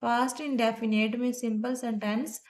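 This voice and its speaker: Female grammar teacher, Pakistani accent, slightly high voice, patient and methodical. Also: fairly even intonation, normal speed, darkish tone. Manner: patient, step-by-step explaining with worked examples. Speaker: English teacher. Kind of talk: recorded grammar lesson.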